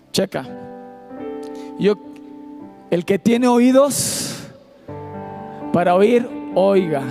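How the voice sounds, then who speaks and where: A Mexican man preaches in a church auditorium with a high voice, his lines rising with fervor and at times half-sung. Faint instrumental music plays softly behind him. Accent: Mexican Spanish. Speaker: pastor. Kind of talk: sermon.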